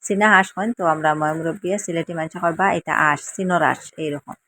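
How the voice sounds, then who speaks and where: A middle-aged woman from Assam, India, speaking with a Sylheti accent, hosts a casual cooking vlog in her village kitchen, explaining dialect words. Her voice sits low and a bit bright, at a quick pace, with a little hiss or hum. She is chatty and homely, repeating words for emphasis.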